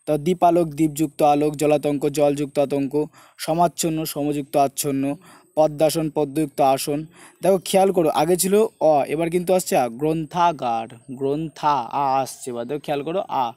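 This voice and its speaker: A man tutoring students for an exam, talking them through the material and slowing down to spell out how each word splits, with a West Bengal Bengali accent. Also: a little high, fairly even intonation, mellow, no echo, clean studio sound. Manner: repetitive coaching, keeps saying look and notice. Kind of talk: online lesson with screen walkthrough.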